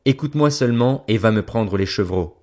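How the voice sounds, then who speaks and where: A man's voice: on the low side, expressive, fairly quick, darkish tone, lightly acted. A man reading the part of a scheming mother, insistent and commanding. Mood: urgent.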